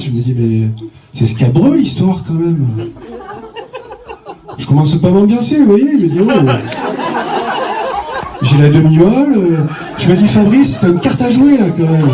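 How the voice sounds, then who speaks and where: Bawdy comedian with wild pitch swings. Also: male voice, mellow, reverberant, far from the mic. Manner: bawdy, punchy delivery with sudden voice jumps. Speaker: stand-up comedian. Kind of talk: crude stand-up storytelling. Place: comedy stage.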